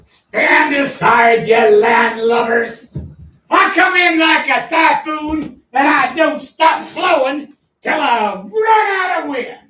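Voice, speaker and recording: A blustering sea braggart, acted by a woman in a comic stage show, booms out boasts very slowly. The voice is high and sounds far off in an echoey space. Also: a bit bright. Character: blustering, boastful seafaring braggart, loud and rough-tempered. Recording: echoey, distant stage recording.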